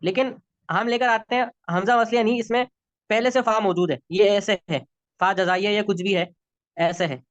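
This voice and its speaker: A man's voice: high-pitched, moderate pace, no echo, dull audio. A man from Pakistan with an Urdu accent, teaching an online class and patiently repeating rules while checking that students follow. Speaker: Arabic grammar teacher. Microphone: video call.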